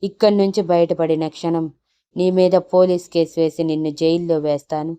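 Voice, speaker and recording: A woman's voice: fairly low pitch, flat delivery, brisk, mellow, smooth, close to an everyday voice. A woman voicing a distraught young woman who speaks in a tearful, accusing way in a storybook audio drama.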